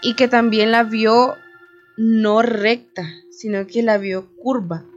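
A young woman telling a spooky story in a casual, animated chat, filling her talk with "o sea". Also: on the high side, takes it slowly. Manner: animated, many fillers like "o sea". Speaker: radio show team member telling a story. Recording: dull lo-fi recording with faint music.

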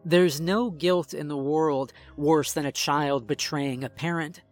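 A man's voice: a little high, steady tone, unhurried. Tense man narrating a horror story. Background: faint music.

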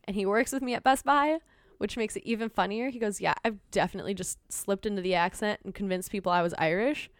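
A young woman from Minnesota with a light Minnesotan accent guests on a podcast, chatting casually at a quick pace in a mid-range voice. She tells stories with energy, acting out quotes and laughing frequently. The sound is clean studio audio with no room sound.

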